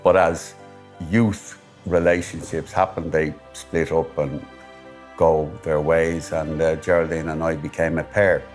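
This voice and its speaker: A man's voice: a bass voice, little pitch movement, unhurried, faint music behind. A middle-aged man from Ireland with an Irish accent, steadily recounting his married life in a personal testimony interview.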